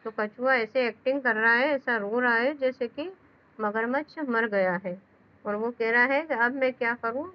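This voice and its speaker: महिला शिक्षिका कहानी समझाती हुई. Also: female voice, on the high side, moderate pace. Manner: retells each line in simpler words. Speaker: teacher. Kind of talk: explaining a children's story lesson. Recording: dull lo-fi sound.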